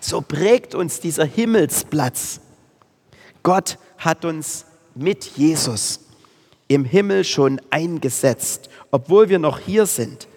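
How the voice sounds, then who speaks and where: A man with a slightly high, husky voice delivers a sermon at an unhurried pace. He leans on repeated phrases with emphasis. The sound carries a long reverb, as in a church hall. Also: animated, a little mellow. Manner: slow, emphatic preaching with stressed repetitions. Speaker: preacher.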